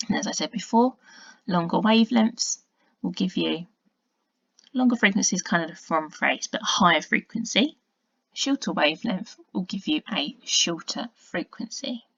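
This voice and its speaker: A woman, a science teacher narrating a recorded video lesson, explaining patiently and muttering quiet asides as she draws. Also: fairly low pitch, animated, normal speed, creaky, slightly rough, dry recording. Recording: dull lo-fi dry recording.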